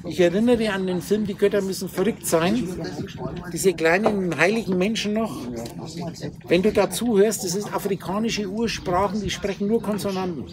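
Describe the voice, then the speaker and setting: A man gives an informal spoken lecture to a small group, explaining Hebrew letters and slowly sounding out consonants and vowels. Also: high voice, a crowd in the background. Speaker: teacher of Hebrew letter mysticism.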